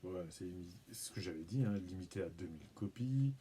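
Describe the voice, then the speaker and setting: A man talks casually through an unboxing at home, his voice low and mellow. He rambles, jokes at his own expense and mutters or hums while fiddling with the items. A faint ambient hiss sits under the recording. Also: animated, brisk. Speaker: video channel host.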